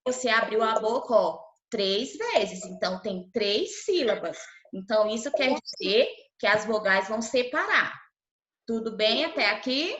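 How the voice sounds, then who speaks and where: A Brazilian woman teacher leads an online lesson for young children with a bright, slightly high voice. She speaks patiently, breaking words into syllables and asking again and again whether the class is following. The audio is a roomy, muffled video-call recording. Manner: patient, sounds out syllables, checks in with "tá?" often. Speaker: primary school teacher.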